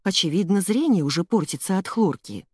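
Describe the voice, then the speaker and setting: A woman's voice: fairly low pitch, lively intonation, brisk, breathy edge, no echo. A woman doing a fussy, strict mother. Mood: fussing. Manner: emphatic, scolding.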